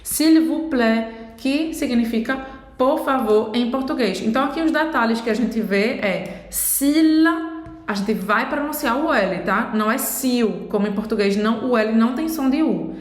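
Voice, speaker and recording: A woman teaching a pronunciation lesson, explaining slowly and step by step. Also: fairly high pitch. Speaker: French teacher. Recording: echoey room.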